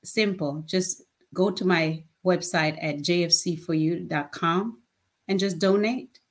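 A woman's voice: fairly low pitch, measured pace. A woman, speaking plainly and emphatically as a nonprofit founder in an interview. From Jamaica. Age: 50s. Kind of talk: casual interview talk.

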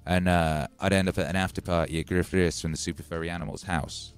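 A middle-aged man from Wales with a Welsh and Birmingham accent, hosting a live stream in a casual, excitable way, swearing and thanking viewers by name. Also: low voice, fast, smooth, soft background music.

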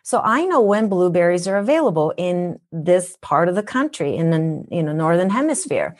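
Speaking at a moderate pace with big swings in pitch, this podcast interviewee has a fairly low, darkish voice. She is originally from Japan but carries a Minnesotan accent, and as a wellness guest she is earnest and teacherly, asking rhetorical questions.

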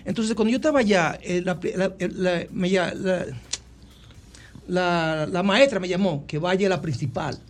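A man with a Dominican accent, a guest telling animated stories with many restarts and repetitions. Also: sits high, unhurried. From Dominican Republic. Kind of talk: casual storytelling interview.

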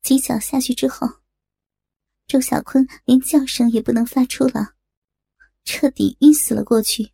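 A woman narrating an audiobook in a steady storytelling manner. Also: high voice, normal speed, vocal fry, pauses often, breathy edge, no echo. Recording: dry close mic with faint music beneath.

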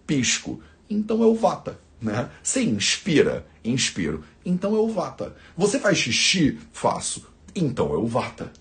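Man teaching, animated pitch, rhetorical questions, tag questions after every point. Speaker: Ayurveda teacher. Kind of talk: explanatory teaching talk.

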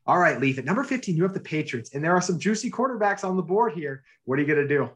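A man hosting a casual podcast chat, energetic and emphatic as he leads the talk. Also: on the high side, quick pace. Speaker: podcast host.

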